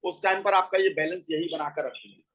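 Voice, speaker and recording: A man's voice: sits high, fairly even intonation, fairly quick, fairly bright tone, low-quality recording. A man teaching a school biology lesson, explaining step by step and asking and answering his own questions. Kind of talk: biology class lecture.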